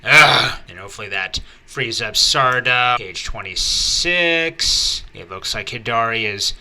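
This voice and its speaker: A man casually reading through manga chapters page by page, chatty and full of fillers and excited asides. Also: medium pitch, a little slow. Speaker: manga reviewer and channel host.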